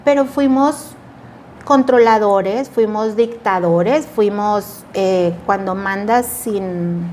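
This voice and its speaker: A woman's voice: mid-range voice, slow pace, a little mellow, a little hiss or hum. A middle-aged woman giving an earnest, reflective personal testimony as an interview guest. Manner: earnest, reflective, acts out remembered dialogue. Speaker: guest sharing a personal story.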